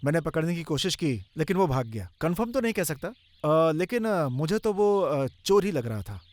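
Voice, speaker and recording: A man's voice: on the high side, sing-song, normal speed, a little mellow, no room sound. A man dubbing an anxious young husband in a film, polite and stammering with fillers. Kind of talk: Hindi film dub. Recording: film soundtrack with music.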